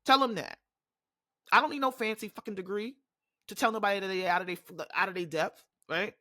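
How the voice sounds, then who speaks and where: A woman's voice: mid-range voice, a little fast, pushed and bright. A woman with a New York accent hosting a podcast, ranting in a blunt, profane, impassioned way in a casual monologue. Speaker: podcast host.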